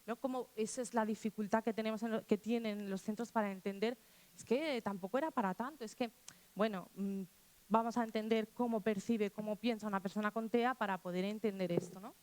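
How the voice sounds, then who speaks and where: A woman's voice: medium pitch, steady tone, fairly quick, darkish tone. Spanish woman giving a casual talk to teachers, lots of restarts, acts out what kids said. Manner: conversational, acts out child quotes, many restarts.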